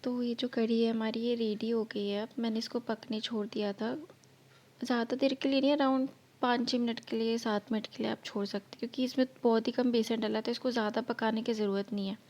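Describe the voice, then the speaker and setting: A woman's voice: a little high, flat delivery, a little fast, a little mellow. A woman narrating her cooking vlog, explaining each step in a chatty way, her throat slightly sore. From India. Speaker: vlogger.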